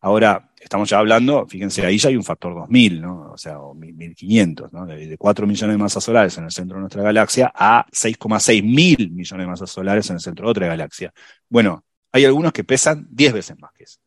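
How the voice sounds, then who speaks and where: Low-voiced man explaining science, dry sound. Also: fairly quick, no room sound. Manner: thinks aloud with many fillers and restarts. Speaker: science podcast panelist. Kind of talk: casual explanatory chat.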